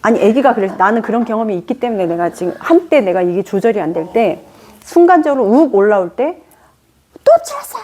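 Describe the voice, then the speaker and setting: Mellow-voiced woman teaching a class. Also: medium pitch, fast talker, a little hiss or hum. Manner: lively storytelling with acted-out quotes; chatty, poses questions to the class. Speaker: teacher of Korean fortune-telling. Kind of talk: informal classroom lecture. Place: lecture room.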